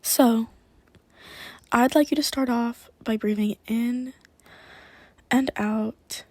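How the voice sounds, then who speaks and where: Woman, hypnosis induction, slow soothing countdown, hushed near-whisper, higher-pitched, soft breathy tone. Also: steady tone, no room sound. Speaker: hypnotist performing for a live online audience.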